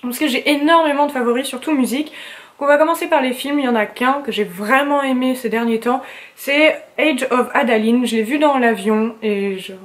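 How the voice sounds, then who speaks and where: A woman's voice: sits high, moderate pace. A young woman vlogging in casual chat, gushing and chatty with slang and fillers, at home indoors. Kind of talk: casual chat about favorites.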